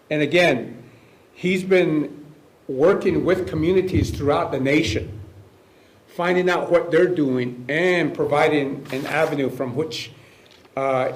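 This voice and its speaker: A man hosting an event gives a halting spoken introduction of a guest speaker in an echoey room. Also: fairly high pitch.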